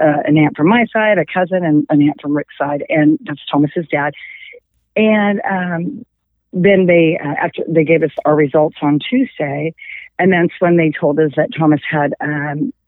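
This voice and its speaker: A middle-aged woman on a tinny phone line recounts events in a lively, casual way. She slips into the voices of the people she quotes. The sound is dry and close, with no room around it. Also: low voice, no room sound. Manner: animated, acts out quoted dialogue. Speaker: guest. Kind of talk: casual storytelling over the phone. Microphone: telephone.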